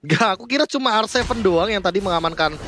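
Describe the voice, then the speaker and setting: An Indonesian man works as an analyst on an esports broadcast. His voice is a little high and he explains the match in detail, with faint noise behind him. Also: expressive, fast talker, pushed and bright. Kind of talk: analytical game commentary.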